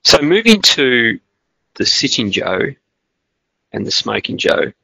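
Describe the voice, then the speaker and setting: A man's voice: medium pitch, big pitch swings, takes it slowly, creaky, sharp tone, no room sound. A man co-hosting a casual Australian football podcast, hesitant and rambling with many restarts, on a dull, dry lo-fi recording. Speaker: podcast co-host.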